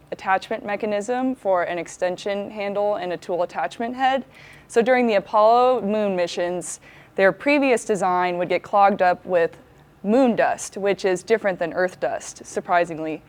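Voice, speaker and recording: A young woman, a student, hosts a casual walkthrough of a class project inside a university engineering lab. Her medium-pitched voice is unhurried, slightly mellow, clear, and resonant, and she presents in an upbeat, friendly way.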